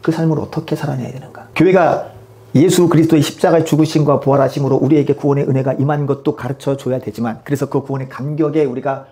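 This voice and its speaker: A man's voice: mid-range voice, steady tone, fast, mellow. A man preaching a sermon as pastor, emphatic and full of rhetorical questions to the congregation.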